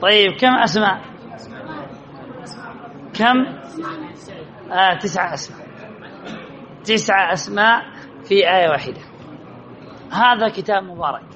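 High-voiced male teacher, muffled recording. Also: expressive, bright, forceful tone, some chatter behind. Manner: asks the class and repeats answers back; slow, deliberate reading of example phrases. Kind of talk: classroom lesson with questions to students. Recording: dull lo-fi recording.

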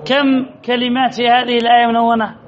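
A male teacher leading a class, asking students questions, repeating their answers and reading examples slowly and deliberately. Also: very high voice, monotone. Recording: dull lo-fi recording.

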